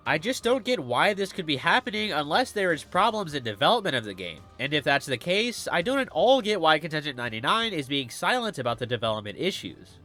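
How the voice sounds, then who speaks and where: A man's voice: high voice, pushed and bright. A man with a cold giving scripted video game commentary in a stuffy, nasal voice, as if pinching his nose.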